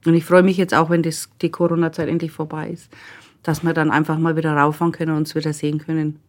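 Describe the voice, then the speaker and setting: A woman's voice: deep voice, level tone, fast. A middle-aged woman tells stories from her job in a podcast interview. She is blunt and matter-of-fact, and she acts out the dialogue as she goes. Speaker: transit service staff member. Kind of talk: telling anecdotes in a podcast interview.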